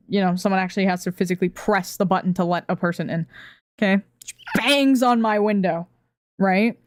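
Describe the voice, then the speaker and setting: A woman streamer telling a workplace story to her chat in a casual, animated way, swearing freely. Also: mid-range voice, no echo, studio quality. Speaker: streamer reacting to videos.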